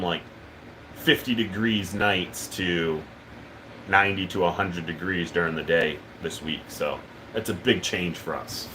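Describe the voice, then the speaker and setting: Reading through chat on his live stream, a man talks in a low-sitting voice against background noise. His manner is casual and meandering, filled with frequent ums and uhs.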